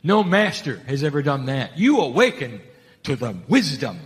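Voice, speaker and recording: A man's voice: fairly high pitch, very animated, moderate pace, long reverb tail. A man giving a channeled spiritual talk, emphatic, asking rhetorical questions and repeating key phrases.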